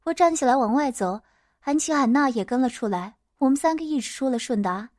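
A woman narrating a first-person story in a steady audiobook manner. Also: high voice, brisk, dry recording, clean studio sound.

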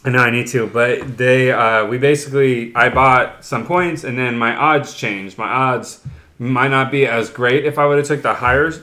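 Bright-voiced man hosting a casual chat. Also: mid-range voice, moderate pace. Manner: rambling, explains betting casually. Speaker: podcast host. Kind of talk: casual sports betting chat.

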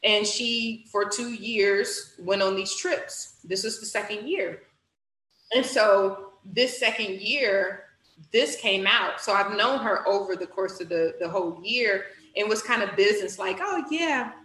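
A woman telling a personal story as an interview guest, animated, acting out her own reactions and laughing often. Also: a little slow, reverberant, poor audio. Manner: animated, acts out her own reactions with big pitch jumps; laughs often while talking. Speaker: guest, youth literacy director.

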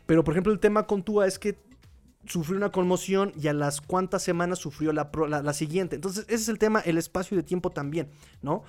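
A man's voice: high-pitched, a little fast, a little mellow. A Mexican man hosting a live podcast, reading chat comments and giving opinions in a chatty, laughing way. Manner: chatty, opinionated, laughs often, repeats phrases. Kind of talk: casual live-stream commentary.

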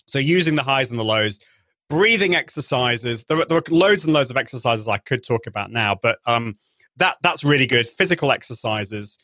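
A live video trainer talks at normal speed in a phone-style interview, his mid-range trained singer's voice pushed and bright with lively intonation. He explains enthusiastically and keeps restarting, with no room sound on the recording.

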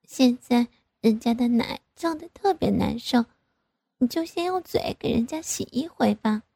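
A coy, sing-song young mother coaxing and teasing, voiced by a woman narrator raising her pitch. The voice is breathy and a little husky, recorded close and dry. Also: animated, unhurried, warm tone, no echo, heavily acted.

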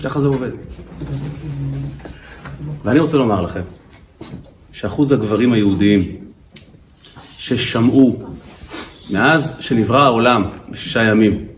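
A man, a rabbi telling stories in a lively lecture to an audience and repeating words as he builds a point. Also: mid-range voice, long pauses, far from the mic, a little hiss or hum.

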